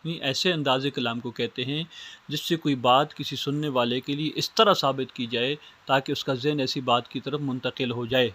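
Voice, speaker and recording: A man's voice: medium pitch, fairly even intonation, sharp tone. Man giving a patient Islamic studies lecture. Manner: explains step by step with simple everyday examples. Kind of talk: recorded lecture.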